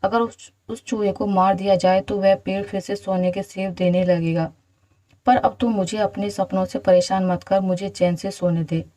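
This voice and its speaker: A woman voicing a grumpy, sleepy male demon in a storybook reading, in a dark, mellow tone. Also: medium pitch, fairly even intonation, moderate pace, close to an everyday voice, low-quality recording. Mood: grumbling. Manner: grumbling, impatient.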